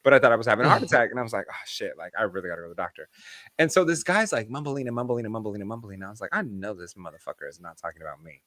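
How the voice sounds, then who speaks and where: A man co-hosting a podcast, telling animated stories in casual chat and swearing freely. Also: fairly low pitch, very fast, dry recording. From United States. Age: adult, past his early twenties. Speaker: podcast co-host.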